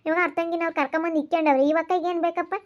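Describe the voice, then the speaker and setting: A woman playing a quarrelsome, sharp-tongued village woman in an amateur skit. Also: extremely high pitch, fairly even intonation. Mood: aggrieved. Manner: scolding, rapid back-and-forth bickering. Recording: dull lo-fi audio.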